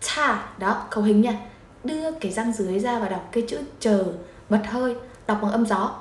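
A woman teaching pronunciation, drilling syllables slowly and repeating them for learners. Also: a little high, a little mellow, echoey room, a little hiss or hum. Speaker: Chinese teacher. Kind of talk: pronunciation lesson.

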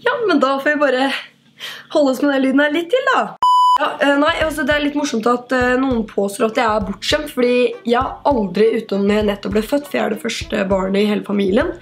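An eighteen-year-old woman vlogger reading hate comments aloud and answering them with sarcastic, quick-tempered retorts. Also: a little high. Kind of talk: casual vlog.

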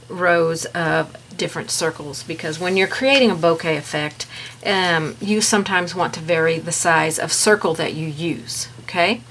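A woman walks viewers through a painting lesson in an easygoing, chatty manner, often pausing on fillers as she works. Her voice sits on the lower side. A faint hiss runs under the recording. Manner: relaxed, chatty, with many fillers. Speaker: painting instructor. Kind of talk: paint-along tutorial.

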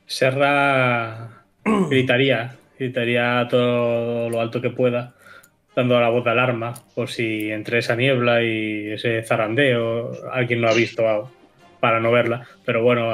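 A man's voice: medium pitch, a bit bright. A man playing a tabletop role-playing game, describing his character's actions and correcting himself as he goes. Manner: stumbling, self-correcting. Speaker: player. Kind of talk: casual game talk.

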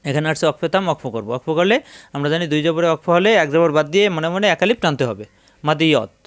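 Patient man teaching Quran spelling slowly. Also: fairly high pitch, animated, dry recording. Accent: Bangladeshi Bengali. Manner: slow drawn-out chanting of Arabic words between plain explanations; patient, methodical, repeats each syllable. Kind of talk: step-by-step spelling and pronunciation lesson.

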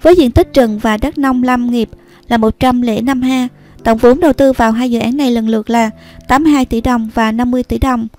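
A woman narrating a scripted news report in a steady, even read. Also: fairly high pitch, a little fast. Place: voice-over recorded apart from the pictured places.

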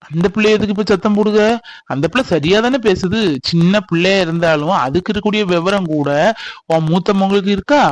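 A man's voice: high voice, brisk, no room sound, lightly acted. A man playing a stubborn, bitter middle-aged father in a family drama skit, speaking bluntly. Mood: stern. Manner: blunt, grumbling.

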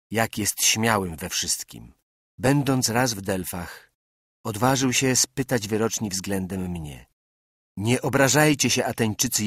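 A man reading an audiobook, delivering a classical speech in a measured, oratorical manner straight to his listeners. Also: lowish voice, husky, no room sound, studio quality. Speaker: audiobook reader. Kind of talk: scripted narration of a classical speech.

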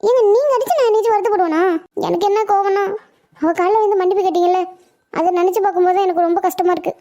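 Cartoon role: voice actor doing a high, rapid-fire village housewife with a Tamil Nadu accent, devoted and patient. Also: dark tone. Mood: regretful. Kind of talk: cartoon voice acting.

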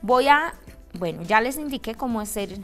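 A woman's voice: on the high side, lively intonation, normal speed, soft background music. Woman teaching a candle craft. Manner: checks in with a frequent "¿listo?". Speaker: craft instructor. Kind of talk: step-by-step craft demonstration.

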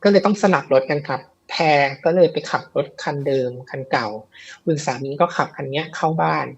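A man's voice: a little high, a little fast, gravelly, highs cut off. A man telling a ghost story in a casual, chatty way, with many fillers and repeats, on a live show. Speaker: guest storyteller of ghost stories.

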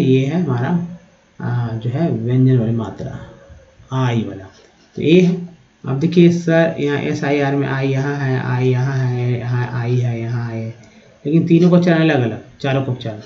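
A man teaches English vowel sounds, spelling out letters slowly and repeating words for his viewers. His voice is dark and mellow. The recording sounds roomy and a little dull. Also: medium pitch. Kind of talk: explaining spelling and pronunciation step by step.

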